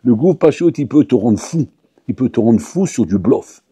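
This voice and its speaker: A man, a rabbi, teaching a lively Torah class to yeshiva students. He talks to them directly and acts out little dialogues. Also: mid-range voice, moderate pace, breathy edge, dry recording, clean studio sound. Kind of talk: animated Torah lesson. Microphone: audio recording of a class.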